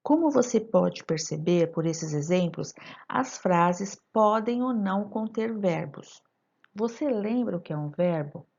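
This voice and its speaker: Gravelly-voiced Brazilian woman teacher. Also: mid-range voice, lively intonation, unhurried, a little mellow. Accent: Brazilian Portuguese. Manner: didactic, addresses students directly with questions. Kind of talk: narrated recorded lesson. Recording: dull lo-fi voice-over recording.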